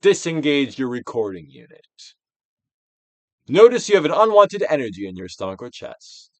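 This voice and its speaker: Reading a self-help book aloud as an audiobook narrator, this actor performs it dramatically, dropping to hushed near-whispers and then projecting emphatically, with pauses placed deliberately. He has a mid-range, sing-song voice, and the sound is echo-free.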